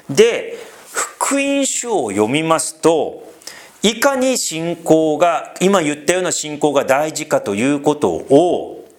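A man with a fairly high-pitched voice gives a sermon as pastor, animated and conversational in tone. His delivery is full of fillers and asides to the congregation.

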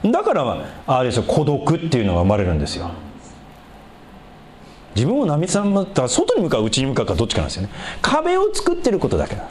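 Male pastor, lively sermon voice, slightly high, faint hum of ambience behind. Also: quick pace. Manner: animated, swings from low asides to high exclaimed scripture; repeats words for emphasis.

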